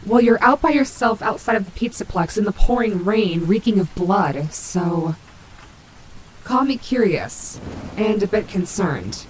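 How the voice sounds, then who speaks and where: A woman's voice: mid-range voice, lively intonation, measured pace, lightly acted, poor audio. Sassy wolf animatronic woman acting, rain behind. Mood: gentle, reassuring. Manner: sassy, casual, swearing, muttering asides to herself. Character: female animatronic wolf, vain, sassy, turning protective and maternal. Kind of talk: character audio roleplay, speaking to listener. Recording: heavy rain and thunder noise behind. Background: rainstorm sound effects.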